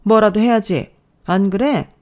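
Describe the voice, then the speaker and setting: A woman's voice: mid-range voice, unhurried, pitched above the performer's own voice, close to an everyday voice. A woman doing a snobbish nagging mother-in-law. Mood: contemptuous. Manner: scornful, nagging, rising to sharp outbursts. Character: snobbish scolding middle-aged mother-in-law.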